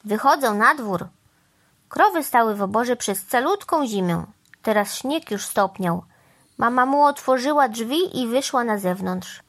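Animated woman reading a children's story. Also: a little high, unhurried.

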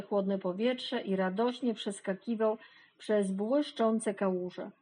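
A woman reading a children's animal story aloud, gently and unhurriedly, lightly voicing the animals. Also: mid-range voice, rough recording.

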